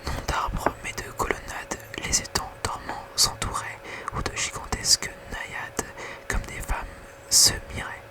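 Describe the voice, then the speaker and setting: Hushed whispered ASMR poetry reader. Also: measured pace. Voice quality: soft unvoiced whisper, quiet as at night. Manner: hushed bedtime reading with casual whispered asides.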